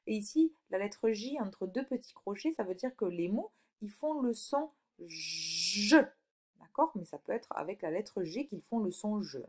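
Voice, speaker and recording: A woman teacher giving a recorded phonics lesson to a young child, slowly stretching out example words and checking in with "d'accord?". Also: mid-range voice, expressive, mellow. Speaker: primary school teacher.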